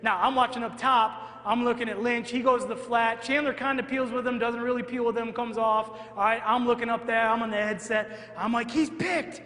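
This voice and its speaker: A man, a football coach, giving an energetic clinic talk to an audience and often asking "all right?" as he goes. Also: very high voice, a little fast, hardly any pauses. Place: large hall at a clinic. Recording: echoey hall, long reverb.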